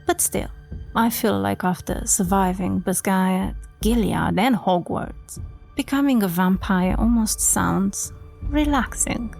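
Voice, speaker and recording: A woman from Romania hosting a book-talk podcast, speaking softly and sometimes dropping to a whisper. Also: medium pitch, slow, gravelly, soft background music. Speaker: podcast host.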